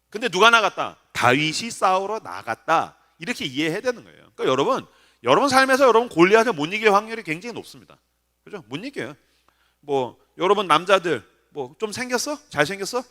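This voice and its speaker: Animated man in his forties preaching. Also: high voice. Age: 40s. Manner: casual, joking, asks the crowd questions. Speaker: pastor. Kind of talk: animated youth sermon. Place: church sanctuary.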